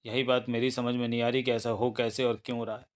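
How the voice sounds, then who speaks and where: A man's voice: mid-range voice, fast talker, close to an everyday voice. A man voicing a confused young husband who claims to be another man, in a read-aloud thriller novel. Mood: calm explaining. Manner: bewildered then calm and explaining.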